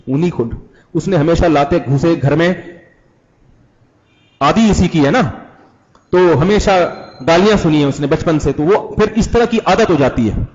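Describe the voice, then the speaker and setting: Male preacher, fairly high voice, chatty sermon, old lo-fi recording. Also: a little mellow, slight background noise. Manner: conversational, asks the audience questions, acts out examples. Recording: dull lo-fi old audio.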